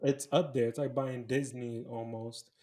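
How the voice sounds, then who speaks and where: A man's voice: mid-range voice, flat delivery, a little slow, darkish tone. A man co-hosting a podcast in casual chat, easygoing and hesitant, often restarting his sentences. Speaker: podcast co-host.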